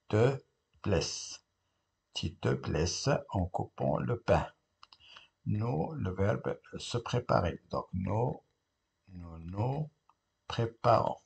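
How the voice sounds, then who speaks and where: A man works through a language test in a slow, patient classroom manner, spelling words out letter by letter. His voice sits very low and gravelly. It also has a rough, husky edge. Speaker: teacher. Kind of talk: correcting a French grammar test.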